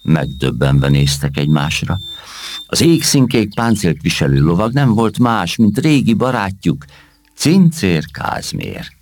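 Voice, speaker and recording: A man with a deep, low voice reads a children's story aloud. His pitch rises and falls very widely as he tells it, gentle and expressive throughout.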